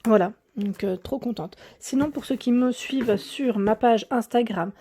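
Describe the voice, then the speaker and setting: A woman's voice: on the high side, normal speed, warm tone, slightly rough. A young woman chatting casually to viewers, showing off her shopping haul, with many fillers, restarts and frequent laughs. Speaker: YouTube vlogger.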